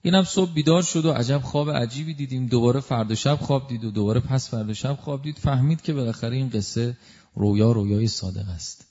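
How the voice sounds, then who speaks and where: A man preaching a devotional sermon through a story, emotive, swinging from loud exclamations to hushed asides. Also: medium pitch, muffled recording.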